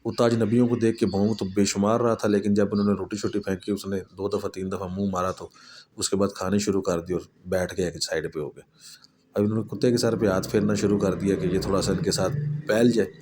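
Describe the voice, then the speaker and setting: Male storyteller, low-pitched, conversational first-person horror narration. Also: darkish tone, a little hiss or hum.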